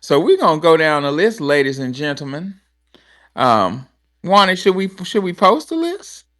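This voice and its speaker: A man from Alabama, hosting a casual talk show in a blunt, animated manner. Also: fairly high pitch, moderate pace. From Alabama, USA. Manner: animated and blunt, with frequent restarts and swearing. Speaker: host.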